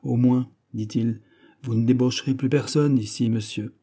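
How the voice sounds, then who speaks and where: A man's voice: medium pitch, steady tone, normal speed, warm tone, close to an everyday voice. A man voicing a pious, fussy old sacristan turned schoolmaster, with a fat, fluty voice and a prim, scolding manner.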